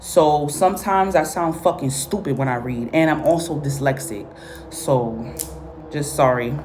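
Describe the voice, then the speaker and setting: A tarot and spiritual reader from Guatemala and Honduras, whose first language is Spanish, gives a casual spoken reading full of blunt, profane, repetitive commentary. Her voice sits low and her pace is measured, with a noisy background.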